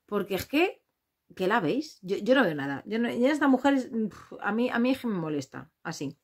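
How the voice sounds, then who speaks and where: A woman from Spain talks casually about a reality show in a blunt, outspoken way. She swears freely and quickly slips into mimicking the people she talks about. Her voice sits at an ordinary middle pitch for a woman. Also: sing-song. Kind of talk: casual gossip commentary.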